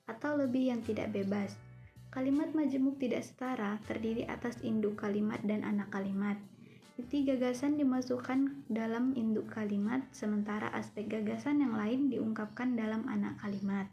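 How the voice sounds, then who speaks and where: A young woman reads her university class presentation aloud, going through numbered points one after another. Her voice sits a little high but has a mellow, soft tone. Faint music plays underneath. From Indonesia. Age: young adult. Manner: reads lists steadily, numbering each point. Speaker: university student presenting an assignment.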